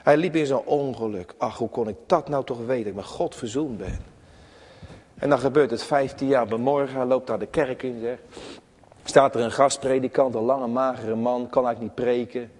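A man preaching a sermon to his congregation, emphatic, rising to high cries and dropping to hushed tones. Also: moderate pace, big-room sound. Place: church.

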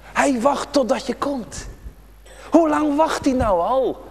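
Animated preacher man, high lively voice. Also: takes it slowly, gravelly, big-room sound. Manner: emphatic, repetitive preaching addressed to children. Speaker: pastor. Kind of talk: children's prayer-day sermon. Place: church.

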